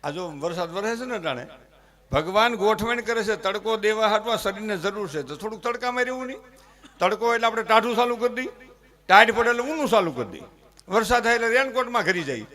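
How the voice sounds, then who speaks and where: A man's voice: high voice, animated, fairly quick, bright, forceful tone. A man from Gujarat, performing live comic folk storytelling and swinging from punchlines to earnest, preachy appeals. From Gujarat, India.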